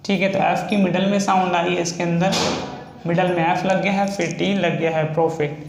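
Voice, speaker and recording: A man teaching a shorthand lesson, slowly spelling out words stroke by stroke. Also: sits high, flat delivery, echoey room, a little hiss or hum. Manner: slow, stretches out words as he spells them. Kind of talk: explaining a lesson.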